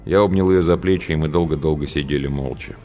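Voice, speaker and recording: A man narrating an audiobook in a steady, grim storytelling manner. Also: rumbling low, quick pace. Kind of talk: audiobook reading. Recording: reverberant room, faint music behind.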